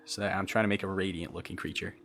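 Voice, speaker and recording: Speaking fast in a low, level, fairly bright voice, a young Brazilian streamer whose first language is Portuguese chats casually while building a game creature. He thinks out loud as he answers viewers, often stammering and restarting.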